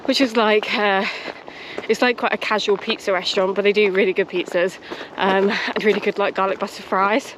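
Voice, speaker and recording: A woman's voice: mid-range voice, fairly even intonation, a little fast. A young British woman chatting casually to camera while out on a run outdoors. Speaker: running vlogger. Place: outdoors on a frosty countryside trail. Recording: noisy outdoor audio with clicks.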